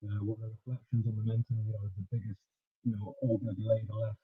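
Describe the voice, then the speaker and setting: A man moderating an online panel, with halting, filler-heavy questions, his mic cutting out in crackly dropouts. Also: on the low side, little pitch movement, husky. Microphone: video call. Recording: dull, dry line with dropouts.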